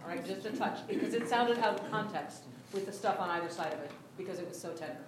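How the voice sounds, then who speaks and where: A woman directing a choir rehearsal, giving brisk, instructive notes to the singers. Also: fairly low pitch, background noise. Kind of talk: rehearsal coaching. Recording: very echoey rehearsal room.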